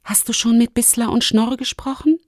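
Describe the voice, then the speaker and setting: A woman voicing Lumi, a young girl forest animal who is eager and impulsive, speaking high and urgently. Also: normal speed, no room sound, clean studio sound, natural voice. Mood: anxious.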